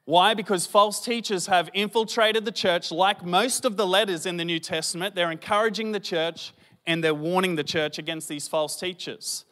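Bright-voiced Australian pastor in a big hall. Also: male voice, high-pitched, fairly even intonation, moderate pace. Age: late 30s. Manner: conversational preaching with self-deprecating humor. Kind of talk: sermon.

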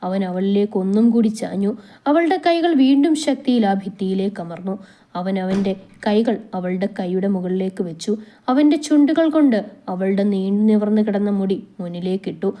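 Mellow woman reading a romance story. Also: medium pitch.

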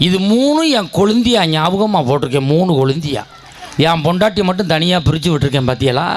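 A man with a Kongu Tamil accent telling jokes as a comic debate speaker on stage before a live audience, loud and shouting at times. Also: on the high side, lively intonation, quick pace, a crowd in the background. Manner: storytelling with punchlines, turns loud and shouting at times.

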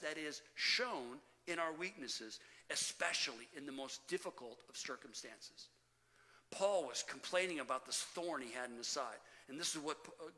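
A male pastor preaches with a bright, forceful voice that sits a little high. He leans on his phrases with emphatic rises and drops. His voice rings through a reverberant church hall. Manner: emphatic preaching, rising and falling with pauses; addresses congregation as "loved ones". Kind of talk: sermon. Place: church sanctuary.

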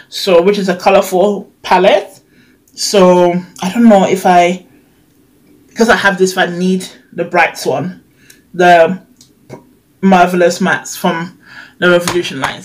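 A young woman with a lisp, as if wearing a retainer, talking casually and a little hesitantly as a beauty vlogger. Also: on the low side. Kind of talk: casual chat, product review. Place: bedroom, indoors.

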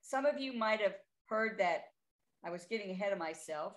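A woman's voice: medium pitch, animated, normal speed. A middle-aged woman, giving a chatty, informal talk on identifying birds, with frequent restarts. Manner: chatty, with frequent restarts and playful bird imitations. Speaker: birding presenter.

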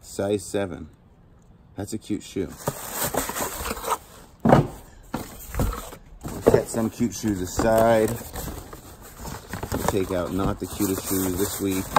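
Speaking very slowly in a low, fairly even voice and pausing often, a storage auction vlogger unboxes shoes outdoors next to a cardboard box. He addresses viewers casually through a first-person handheld camera, with loud noise from outside.

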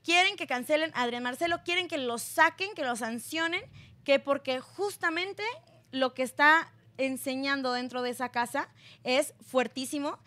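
Mexican woman gossip host, high voice, sarcastic, slangy, phone mic. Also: moderate pace, pushed and bright. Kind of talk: celebrity gossip commentary.

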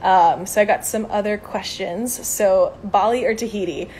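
Outdoors next to a brick building, this Venezuelan woman in her twenties holds a phone at arm's length and answers live-stream questions. She sounds chatty and upbeat, peppering her speech with "um" and "like," at a middle pitch, moderate pace and darkish tone, with a faint low rumble behind her.

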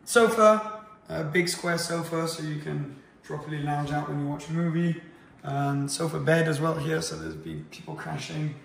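A vlogger in his twenties gives a casual home tour, walking from room to room through a modern house while chatting in a relaxed way full of fillers. His voice is a little high and creaky at a normal speed. The rooms echo, the mic sits slightly distant, and there's a faint hiss or hum.

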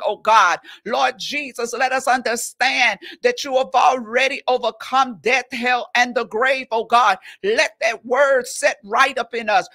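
A woman's voice: on the high side, sharp tone. A woman leading a fervent group prayer, rhythmic and insistent, punctuating her phrases with repeated calls to God and rising into bold declarations. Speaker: prayer leader.

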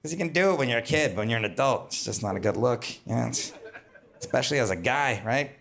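Male stand-up comic, bright forward tone, wry conversational set on a club stage. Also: medium pitch, animated, fast, vocal fry. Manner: wry, conversational, jumps to loud put-on whines. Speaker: stand-up comedian. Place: comedy club stage with audience laughter.

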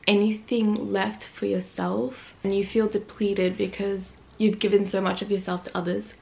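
This young woman chats straight into a nearby camera from her bedroom, easygoing and talkative. She leans on fillers like "like" and "literally" and laughs between thoughts. The voice sits at an ordinary pitch for a woman. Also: creaky. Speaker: vlogger. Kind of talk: casual chat to camera. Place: small bedroom indoors. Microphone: camera in front of her face.

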